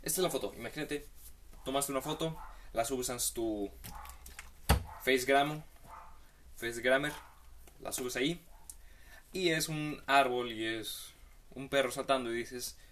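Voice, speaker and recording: A man's voice: mid-range voice, unhurried, pauses often, a bit bright, slight background noise. A man hosting a comedic monologue, giving rambling, slangy advice with playful asides.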